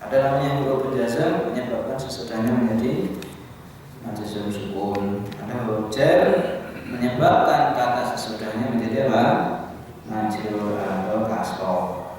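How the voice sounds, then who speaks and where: A male Islamic teacher lectures to a class in a low voice. He keeps quizzing the room and supplying the answers himself. The sound comes from a distance, with a long echo filling the hall and faint ambient noise behind him. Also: unhurried, pauses often, darkish tone. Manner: asks the audience questions and answers them himself. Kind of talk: religious study lecture.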